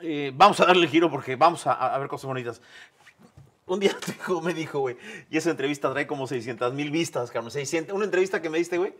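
A man's voice: a little high, fast. A man with a Mexican accent hosting a casual interview, joking and full of slang. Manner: slangy, joking, lively questioning. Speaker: host. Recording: crowd noise behind. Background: crowd chatter.

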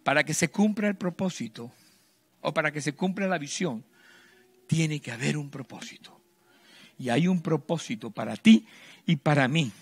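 A middle-aged man preaching a sermon into a handheld mic on a church stage, swinging between loud emphatic bursts and hushed low lines. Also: animated, moderate pace, pauses often, slightly rough. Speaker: pastor.

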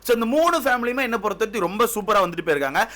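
A young man with a high, bright voice talks his viewers through a reality show in quick, eager bursts. He is chatty and emphatic and calls his audience bro again and again. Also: lively intonation. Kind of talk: casual commentary to viewers.

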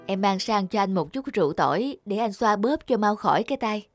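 A woman voicing a kind, caring neighbour who speaks softly and politely, with music behind. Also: mid-range voice, lively intonation, brisk, close to an everyday voice. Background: background music.

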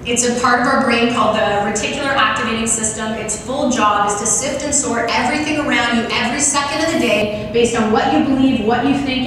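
An energetic woman in her forties delivers a motivational keynote from a podium, her voice pitched a bit high. She keeps asking the crowd questions. The sound is very echoey with a long hall reverb and clear background hiss. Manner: energetic, asks the audience questions, gestures a lot. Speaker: keynote speaker. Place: large banquet hall with audience. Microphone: podium microphone on a stand. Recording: echoey hall recorded from a distance.

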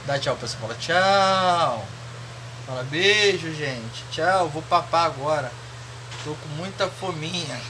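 A woman talking playful, coaxing baby talk to her toddler, her voice swooping up high. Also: measured pace. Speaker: parent vlogger. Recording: loud background noise and ambience.

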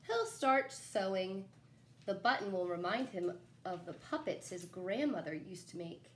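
A young adult woman reading a children's picture book aloud like a teacher, in an animated, expressive way with asides to young listeners. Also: medium pitch, slight background noise. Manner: animated, pausing to ask young listeners questions. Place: small living room at home, indoors. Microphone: phone camera a short distance away.

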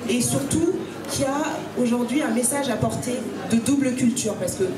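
Woman from congo on a panel, kinda high voice, handheld mic, far off and echoey, music in the back. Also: moderate pace. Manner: earnest, steady, with frequent hesitations. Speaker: author on a panel. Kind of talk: panel talk. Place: small room at a live event. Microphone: handheld microphone. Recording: roomy, from far off.

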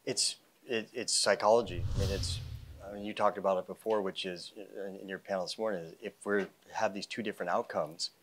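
A man's voice: deep voice, fairly even intonation, fairly quick, fairly bright tone, slight background noise. A man in his fifties, an investment fund founder, answering panel questions on a conference stage through a lapel mic, confident and wry with many fillers. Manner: confident, wry, with frequent 'you know' fillers. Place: conference stage before a live audience.

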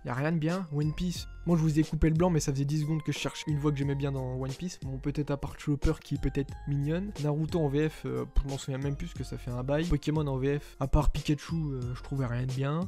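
Slangy young man with a mellow voice. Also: fairly high pitch, fairly even intonation, fast, hardly any pauses. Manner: slangy, conversational, addresses viewers directly. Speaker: anime YouTuber. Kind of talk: casual opinion vlog. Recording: faint background music.

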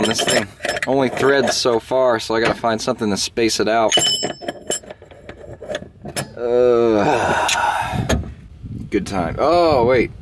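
A southern US car vlogger with a mid-range voice chats loosely and thinks out loud as he works on his car, casual and mildly profane. Standing outside by the open trunk, he's recorded on a handheld camera or phone mic, and the noisy audio carries clicks and clunks.

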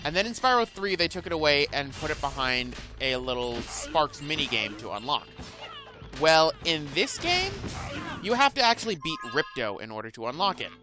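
A man's voice: a little high, very animated, moderate pace. A man hosting a let's play, giving rambling, sarcastic gameplay commentary. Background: faint game music.

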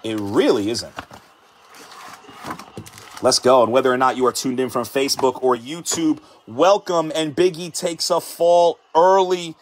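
A man's voice: medium pitch, fairly even intonation, a little hiss or hum. A man hosting a live sports card break, hyped and chatty, calling out each card as he pulls it and hyping the viewers. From United States. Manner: hyped, repetitive catchphrases, rapid card call-outs.

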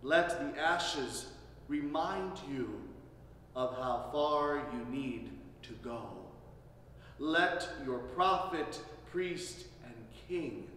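A male pastor leading an evening service in measured, solemn phrases that fade softly at the ends, his voice carrying a cathedral-like echo. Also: mid-range voice, a little hiss or hum. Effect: cathedral-like echo, long church reverb. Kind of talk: Ash Wednesday sermon and liturgy. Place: large church. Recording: distant mic in echoey church hall.

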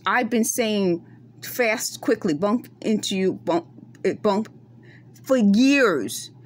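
Holding her phone camera close in a dim room at night, a middle-aged Bronx woman with a mid-range voice vlogs a casual monologue. West Indian traces color her New York accent, and her manner is earnest and insistent, with explanations that circle back on themselves.

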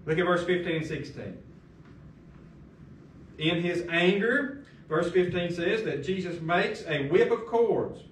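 Recorded from afar in a big carpeted church hall, this middle-aged pastor delivers his sermon at a lectern and presses his listeners with forceful rhetorical questions. His high voice is animated and measured, broken by frequent pauses, and the space sounds reverberant with a little background noise.

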